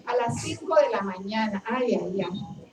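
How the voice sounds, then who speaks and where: The sermon comes from a woman whose mid-range voice is animated, unhurried and a little mellow. She recounts her personal story and presses emphatic questions again and again, captured distantly with echo and faint background noise.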